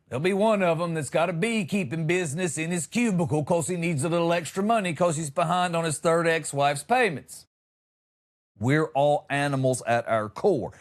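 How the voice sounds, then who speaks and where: A comic monologue comes from a man whose fairly high voice swings up and down a great deal as he makes each point. Exasperated and sarcastic, he stresses his words heavily, like a ranting podcast host, with lively intonation at a moderate pace.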